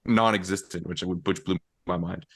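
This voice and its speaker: A man's voice: sits low, steady tone, moderate pace, slightly rough. A man co-hosting a podcast, chatting casually and rambling with many restarts. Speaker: podcast co-host. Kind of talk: casual chat.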